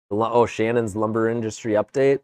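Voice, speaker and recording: A man streaming live from his woodworking shop, chatting casually with viewers in a relaxed, rambling way. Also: lowish voice, no room sound. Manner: relaxed, rambling, chats with viewers between tasks. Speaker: woodworking livestreamer. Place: home workshop.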